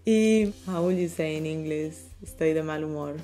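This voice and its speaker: A woman's voice: low-pitched, a little slow, warm tone, faint music behind. A woman co-hosting a vocabulary lesson, leading with conversational prompting questions. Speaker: co-host.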